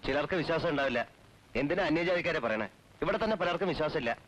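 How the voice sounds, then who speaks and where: A stern, devout householder. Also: male voice, on the high side, lively intonation, fast, low-quality recording. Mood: earnest. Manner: stern and formal, softening into earnest. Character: devout middle-aged man, strict but kind-hearted. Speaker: head of a traditional household. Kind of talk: 1980s film drama.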